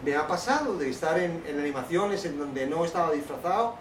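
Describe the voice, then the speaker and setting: A man giving a lively workshop talk to an audience, acting out children's voices as he tells stories. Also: on the high side, brisk, background noise. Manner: animated, acts out children's voices. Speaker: children's ministry teacher. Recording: echoey hall, from a distance.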